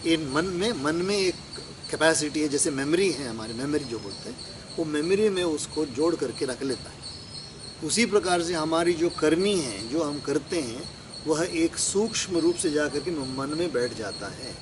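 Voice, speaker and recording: A man's voice: fairly high pitch, animated, normal speed. A man giving a religious discourse, explaining scripture verses line by line and asking and answering his own questions. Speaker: spiritual teacher. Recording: clear background noise with crickets.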